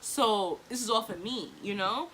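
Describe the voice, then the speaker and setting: Bright-voiced young woman chatting over makeup. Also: mid-range voice, unhurried, a little hiss or hum, low-quality recording. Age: 20s. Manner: talking distractedly while applying makeup. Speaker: vlogger. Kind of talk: casual get-ready-with-me chit chat.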